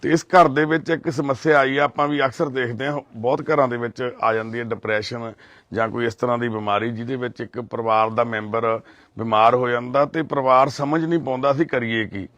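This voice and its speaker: A man with a Punjabi accent, working as a reporter and doing an on-location interview at a village home, speaking gently and consolingly. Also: mid-range voice, steady tone, a little fast, no room sound.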